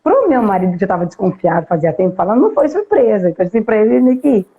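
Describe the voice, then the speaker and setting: A Brazilian woman, an interview guest, telling a personal story in a casual, lively way and acting out bits of dialogue. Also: mid-range voice, very fast, phone-quality sound.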